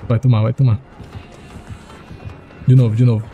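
A man giving excitable live commentary as he plays a horror game, chatting to his viewers and jumping to high yelps when he panics. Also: moderate pace, phone-quality sound, over music. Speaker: streamer playing a horror game.

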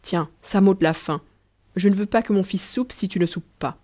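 A woman voicing an earnest, blunt male farm laborer, gruff and emphatic in a storybook reading. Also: medium pitch, moderate pace, mellow, natural voice. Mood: insistent.

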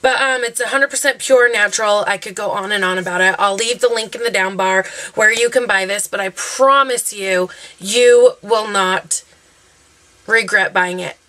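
A woman's voice: mid-range voice, moderate pace, bright, forceful tone. A young woman reviewing her favorite beauty products in a chatty, gushing way, full of fillers like "um" and "like". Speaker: beauty vlogger.

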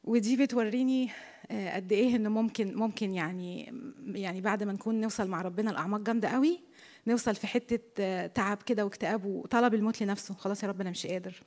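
Fast-talking Egyptian woman in a reverberant hall. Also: medium pitch, darkish tone. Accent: Egyptian Arabic. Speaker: women's Bible study speaker. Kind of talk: Bible study talk with scripture reading. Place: church hall.

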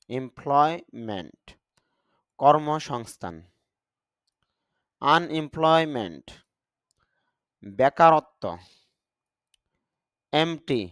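A man teaching English vocabulary in Bengali, reading each word and its meaning in a deliberate, explaining manner, with a Bangladeshi Bengali accent. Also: on the high side, clean tone, no room sound, studio quality. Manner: deliberate, spells out pronunciation. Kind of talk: slow vocabulary lesson, word then meaning.

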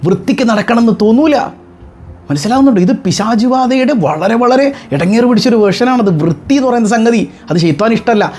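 A man, a religious teacher giving an animated talk to his followers, full of rhetorical questions and joking asides. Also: extremely high pitch, a little fast.

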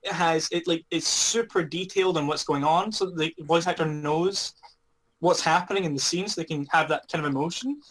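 A man's voice: fairly high pitch, brisk, a bit bright, rough recording. A man explaining things in a rambling way full of fillers, chatting with friends over a film. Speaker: reaction video co-host. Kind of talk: casual chat while watching a film.

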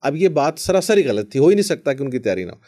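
A man's voice: a little high, very animated, fast, warm tone. Pakistani man, lawyer talking shop. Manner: mixes English phrases into his talk and retells anecdotes. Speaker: lawyer guest. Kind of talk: casual podcast conversation.

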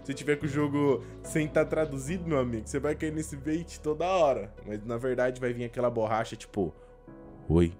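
A young Brazilian man giving casual, slangy reaction commentary as a gaming YouTuber, expressive and prone to exclaiming. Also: mid-range voice, fairly quick, soft background music. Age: young adult. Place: small indoor room at a desk.

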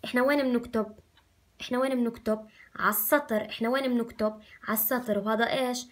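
A woman's voice: a little high, fairly even intonation. A woman with a Levantine Arabic accent teaching first graders, drawing out syllables and asking coaxing questions. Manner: slow drawn-out syllable spelling, coaxing questions. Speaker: primary school Arabic teacher. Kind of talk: recorded remote lesson for first graders.

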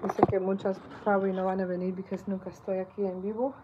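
A woman's voice: mid-range voice, flat delivery, brisk. Woman host, casual cooking livestream, self-deprecating chatter, a little nervous; phone on a tripod, somewhat muffled audio with light background noise. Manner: chatty, self-deprecating, greets viewers by name. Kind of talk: casual live chat while cooking. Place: home kitchen.

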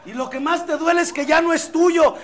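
Profane, high-voiced Mexican man testifying. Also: steady tone, brisk, crowd noise. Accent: Mexican Spanish. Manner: blunt, profane, impassioned storytelling. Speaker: AA speaker. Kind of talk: recovery meeting testimony.

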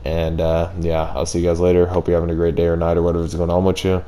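A man's voice: deep voice, monotone, quick pace, mellow. A young man talking casually and downbeat over gameplay, speaking carefully with a sore jaw from tightened braces. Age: teenager or young adult. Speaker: gaming video creator.

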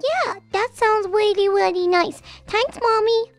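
A woman's voice: very high-pitched, measured pace, no echo, faint music behind, pitched above the performer's own voice. A woman voicing a whiny, sweet toddler girl in a Minecraft role-play. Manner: whiny, pleading childlike voice.

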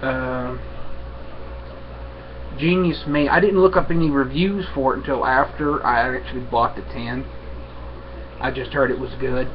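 Halting young man, dull webcam sound. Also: mid-range voice, steady tone. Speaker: vlogger, pipe smoker. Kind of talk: casual chat to camera. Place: small room at home, indoors. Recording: dull webcam audio with faint noise.

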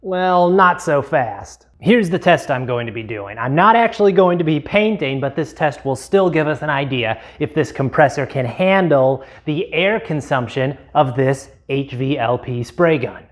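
A man's voice: a little high, lively intonation, normal speed, few pauses. A man in his thirties hosting a tool review channel, explaining a test step by step in a plain, methodical way from a home garage on a lapel mic. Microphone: clip-on lapel mic.

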